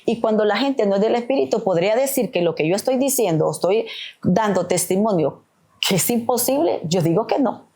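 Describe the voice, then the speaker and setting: A woman's voice: medium pitch, animated, a little fast, dark tone. A middle-aged woman, a podcast guest, giving an earnest, emotional testimony of faith, often calling the host "papá".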